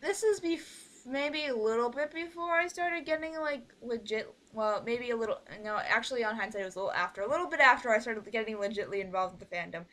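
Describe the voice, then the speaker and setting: Hosting a fan project meeting over an online group voice call, a young woman with a fairly high, very bright voice chats casually and fairly quickly. She rambles, giggles a lot, and keeps cutting herself off to start over.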